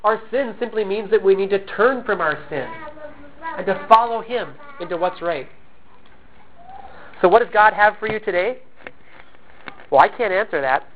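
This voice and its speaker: A pastor preaching in an earnest, measured way, posing questions to the congregation and answering them himself. His voice sits high for a man. The recording is thin and tinny, like a phone line. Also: slight background noise. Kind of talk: sermon.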